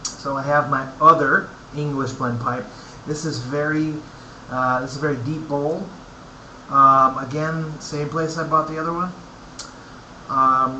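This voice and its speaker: A man's voice: medium pitch, bright, forceful tone. Hesitant man reviewing in an echoey, noisy room. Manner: halting, thoughtful, pausing between short phrases. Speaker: pipe tobacco reviewer. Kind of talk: casual, unscripted product review to camera. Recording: echoey room, clear background noise.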